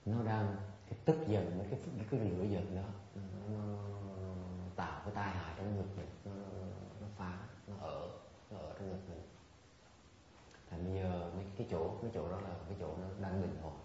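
Man, meditation teacher, low voice, rambling repetitive talk, muffled echoey room. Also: fairly even intonation, a little fast, mellow, slight background noise. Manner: rambling, repeats words, chuckles, mimics students. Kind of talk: informal dharma talk to meditators. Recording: dull, very echoey room recording.

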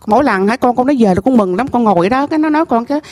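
A middle-aged woman, Southern Vietnamese in accent, pours out an emotional testimony to a temple master. Her somewhat high voice, a little high for a woman, carries a darkish tone and lively intonation, and she confides earnestly in broken, repeated phrases.

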